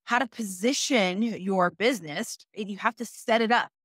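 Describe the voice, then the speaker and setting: A middle-aged woman runs a live online business class, talking in a relaxed, chatty way. She keeps checking in with her viewers and reacts out loud to their comments. Her voice sits at an ordinary middle pitch, recorded close and dry with no room echo. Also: normal speed. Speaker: business coach.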